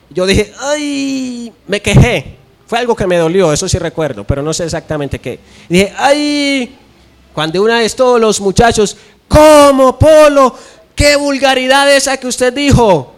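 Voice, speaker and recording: High-voiced young preacher. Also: male voice. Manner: storytelling preaching, acting out dialogue. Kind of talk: sermon.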